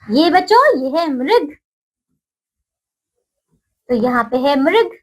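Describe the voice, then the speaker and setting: A woman teaching a Hindi lesson to young children, slow and sing-song, stretching each new word with a lift in her voice. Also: sits high, lively intonation, low-quality recording. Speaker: primary school Hindi teacher.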